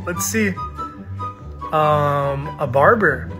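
A man's voice: on the high side, lively intonation, extremely slow, over music. A man in his early twenties filming a casual family vlog, teasing his relatives and laughing often. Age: early 20s.

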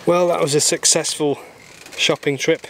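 A man in his thirties hosts a sailing vlog aboard a moored sailboat, chatting casually as he explains boat chores. His voice is on the high side and creaky, with fairly even intonation and a moderate pace, over slight background noise.

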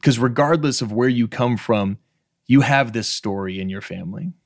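This casual video-call interview features a Maritimes-born podcast host in his thirties who talks frankly, emphatically and with plenty of swearing from a bookshelf-lined home room. He speaks at normal speed in a mid-range voice, recorded on a stand-mounted studio mic with no room sound and studio quality.

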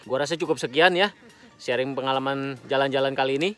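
A man's voice: mid-range voice, fast talker, smooth. Chatty Indonesian man vlogging outdoors. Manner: chatty, relaxed, informal slang. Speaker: vlogger host. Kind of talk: casual travel vlog. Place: outdoors by a dry riverbed in bushland. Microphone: phone at arm's length.

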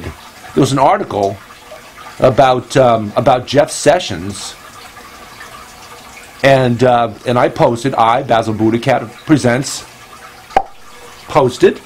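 Male comedy host, slow and meandering, recorded on a phone at home with faint room noise behind. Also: medium pitch, poor audio. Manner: rambling, meandering delivery. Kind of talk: comedic monologue.

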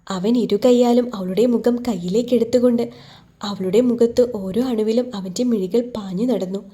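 Mellow woman narrating a romance story. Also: mid-range voice. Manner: steady, measured storytelling. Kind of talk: scripted audiobook narration.

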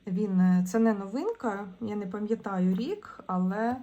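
A woman's voice: mid-range voice, a little slow, mellow, muffled recording. A woman chatting casually through an unboxing, with hesitant fillers and restarts. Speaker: vlogger unboxing tarot and esoteric goods.

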